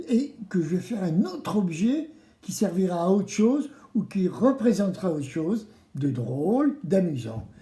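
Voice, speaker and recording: Animated, playful children's craft presenter, roomy echo. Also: mid-range voice. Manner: playful, theatrical, exclamatory, asks the children to answer. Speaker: presenter of a children's DIY video series. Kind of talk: children's craft tutorial, addressing kids directly. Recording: roomy, echoing indoor sound.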